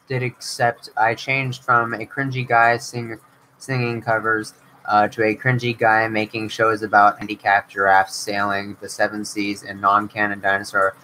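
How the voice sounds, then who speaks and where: In a rough recording with slight background noise, a young man answers questions from viewers on his own channel's casual livestream. His mid-range voice is bright and forceful, and his talk rambles, full of fillers and repeated restarts.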